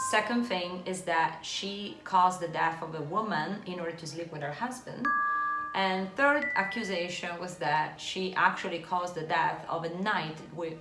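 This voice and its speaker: Art historian woman explaining on a chat show, hesitant, fairly low pitch, roomy echo with faint music.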